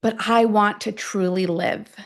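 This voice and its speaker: A woman's steady, medium-pitched voice guides listeners through self-affirmations in guided-meditation style. Each short, deliberate phrase is followed by a long pause.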